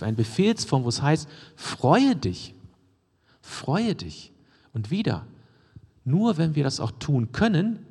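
Male preacher, conversational sermon, husky and mellow, long hall echo. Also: a little high. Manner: conversational, asks the audience questions, frequent "ne?" and "ja?"; drops to a near whisper for emphasis.

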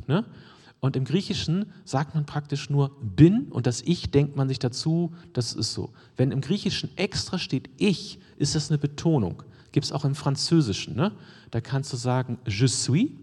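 A man's voice: mid-range voice, a little mellow, slightly rough. A man preaching a sermon in a conversational way, often checking in with his listeners and sometimes dropping to a near whisper for emphasis. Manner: conversational, asks the audience questions, frequent "ne?" and "ja?". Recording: long hall reverb.

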